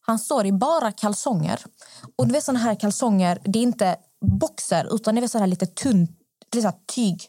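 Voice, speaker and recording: A woman's voice: medium pitch, dry recording, clean studio sound. A woman podcast host, telling stories in casual chat and acting out the people in them. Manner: animated, acts out the people in her stories.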